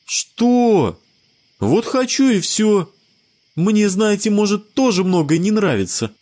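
A man's voice: high voice, very animated, slow pace, darkish tone, voice pushed up, heavily acted. Man voicing a whiny, quirky young boy. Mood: stubborn. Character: quirky ten-year-old boy, excitable and defensive.

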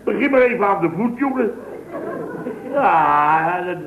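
In a 1960s radio sketch, an actor plays a boastful, wisecracking man at a building firm, telling a rambling comic anecdote with punchy asides. His voice is high-pitched, expressive and unhurried, and crowd noise runs through the tinny, noisy, echoey old broadcast.

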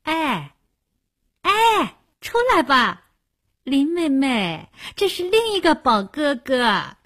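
A woman voicing a nosy, lively young female roommate who fusses and teases. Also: high-pitched, slow pace, voice pushed up, heavily acted. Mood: teasing. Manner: fussy, teasing, exclamatory.

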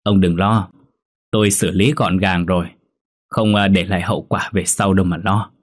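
A man's voice: low voice, steady tone, moderate pace. A man voicing a cruel, arrogant young man who speaks in a mocking, dismissive way.

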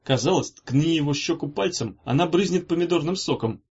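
Expressive male audiobook narrator. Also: on the high side, brisk, husky. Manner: expressive, animated reading. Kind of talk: scripted narration. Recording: dull lo-fi recording.

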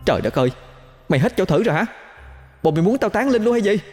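A man voicing a hot-tempered young village girl, scolding fast. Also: sing-song, darkish tone, in a large hall, faint music behind. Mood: exasperated. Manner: shrill scolding, fast and fiery.

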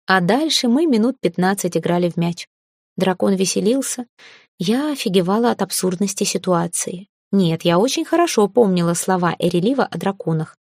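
A woman reading a first-person fantasy audiobook, lively, voicing the heroine's grumbling asides. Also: medium pitch, normal speed, no room sound, studio quality. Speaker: audiobook narrator.

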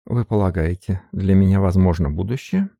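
A man's voice: deep voice, moderate pace, gravelly, dark tone, dry recording. A man reading a cold, defiant young woman in an audiobook, with clipped lines raised above his own voice.

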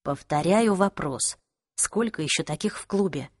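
A woman's voice: deep voice, no echo, studio quality, pitched below the performer's own voice. A woman voicing a cold, cocky young demon hunter. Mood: menacing. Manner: slow, calm, menacing. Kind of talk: audiobook character voice.

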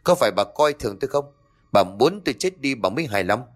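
A man voicing a middle-aged husband who scolds in quick, irritable bursts. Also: lowish voice, animated, fairly bright tone. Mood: domineering. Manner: fast, snappish scolding.

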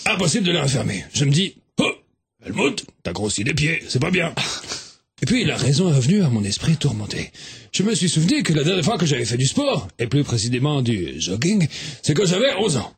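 A man's voice: on the high side, very animated, a little fast, vocal fry, slightly rough. A man doing a comic monologue on the radio, theatrical and full of swooning sighs. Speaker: radio comedian. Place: radio studio.

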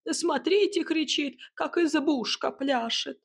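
A woman voicing a talking hut, an old female figure with a shrieking, cackling, sharp-tongued way of talking in an audiobook. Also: sits high, slow, pitched above the performer's own voice. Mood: cackling, indignant. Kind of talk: audiobook character voice.

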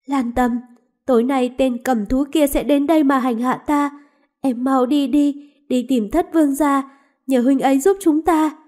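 Woman reads a young princess, proud, impassioned, high-pitched. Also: fairly even intonation, a little slow, warm tone. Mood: anguished. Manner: impassioned, pleading.

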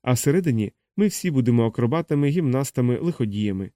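A scheming girl plotting mischief in whispered role-play, as a male narrator puts her on. The voice is hushed, low and quiet, leaning in conspiratorially. Close, dry audiobook recording. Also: animated, fast, no echo, natural voice.

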